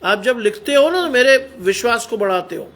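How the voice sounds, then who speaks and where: A middle-aged male preacher delivers a sermon in a notably high voice. He exhorts his listeners, pressing them again and again with rhetorical questions. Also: lively intonation, normal speed, fairly bright tone. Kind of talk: Hindi sermon.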